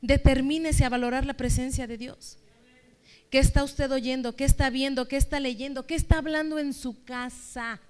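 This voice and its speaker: A woman's voice: sits high, steady tone, normal speed, darkish tone, smooth. A woman church leader preaching a sermon, exhorting her listeners with strings of rhetorical questions.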